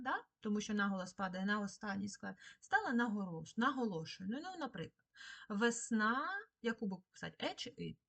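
A woman teaching a recorded remote lesson to schoolchildren, dictating slowly and patiently. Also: medium pitch, a bit bright, husky. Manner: slow, patient dictation to children. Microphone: screen-recorded lesson.

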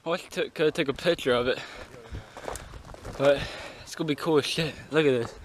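A young adult man with a fairly high, brisk voice vlogs his camping trip into a handheld camera held at arm's length, casual, slangy and sweary. He's outdoors on a windy mountain, partly inside a tent, and the camera audio is noisy and wind-blown.

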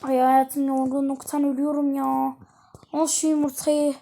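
A woman's voice: high-pitched, little pitch movement, normal speed, creaky, dark tone. A woman voicing a tired, irritable father in a toy role-play game, grumbling about his day. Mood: irritated.

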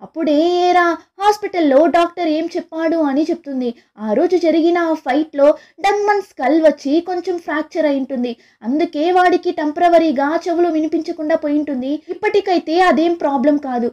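A woman's voice: very high voice, darkish tone. A woman retelling a drama's plot in a chatty, casual narration, mixing in English words. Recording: dull lo-fi recording.

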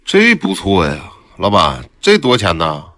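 A man's voice: low voice, wildly swooping pitch, unhurried, a bit bright, exaggerated voice. A man voicing a coaxing, bargaining customer in a comic cartoon skit. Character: smooth-talking haggling male customer.

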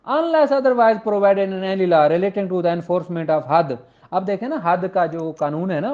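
On dull, lo-fi audio, a man whose voice sits high teaches law informally in a Pakistani accent. He shifts back and forth between explaining things and slowly reading legal English aloud.

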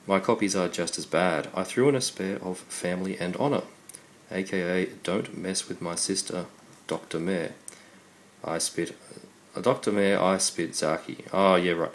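An Australian video host with a low voice does a casual unboxing at normal speed, sitting indoors at a computer desk. A cold has him congested, and his manner is understated and appreciative. Steady background noise runs under the recording.

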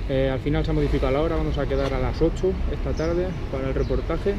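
A man's voice: medium pitch, fairly even intonation, fast talker. A man in his thirties with a Peninsular Spanish accent, vlogging outdoors in casual chat to camera. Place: outdoors, park and hilltop picnic area. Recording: dull sound with loud outdoor noise.

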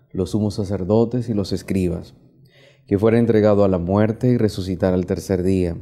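A priest in his thirties reads the gospel and preaches a homily in a small indoor chapel. His voice is fairly low and dark, and his delivery is measured and instructive, with repeated questions put to the congregation.

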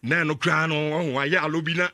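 A man with a Ghanaian English accent co-hosting on radio, bantering lively at a studio mic and mixing in local words. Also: a little high, fast, no echo. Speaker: radio co-host. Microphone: studio mic with headphones.

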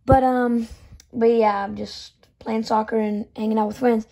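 Filmed on a phone in a small room indoors, a toy collector channel host casually counts down her figure collection, chatting loosely and dropping plenty of "um" and "so yeah." Her fairly high, yelling-hoarsened voice moves little in pitch and keeps a normal speed.

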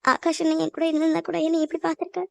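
A woman's voice: very high voice, completely flat delivery, a little fast, gravelly, a bit bright, no room sound, heavily acted. A woman voicing a crying young bride in a cartoon family drama, pleading and apologetic. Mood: tearful. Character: tearful young bride leaving home.

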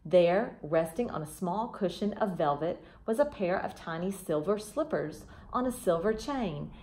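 In the front room of her house, a woman in her thirties reads a picture book aloud expressively, adding teacherly asides. Her voice is on the low side and darkish, with lively intonation and an unhurried pace.

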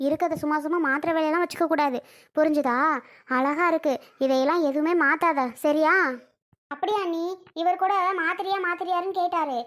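High-voiced woman in a family skit. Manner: chiding and emotional, talks to several relatives. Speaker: skit actor.

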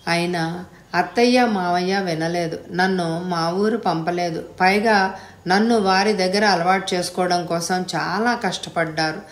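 A woman's voice: on the low side, a little slow, close to an everyday voice. A woman voicing a teasing, playful young heroine in a storybook reading. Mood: reflective. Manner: teasing, light. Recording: echoey room.

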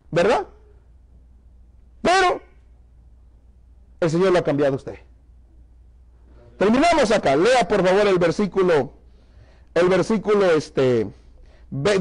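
A man's voice: high voice, creaky, poor audio. A man from Mexico preaching to a church congregation, giving an emphatic testimony and calling the listeners brother. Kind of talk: sermon testimony.

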